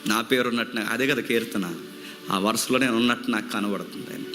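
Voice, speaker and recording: A man preacher voicing a heartbroken young man who prays in low, tearful despair. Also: fairly even intonation, brisk, natural voice. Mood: mournful. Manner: tearful, low and mournful pleading. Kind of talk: acted prayer within a sermon. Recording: reverberant hall, faint music behind.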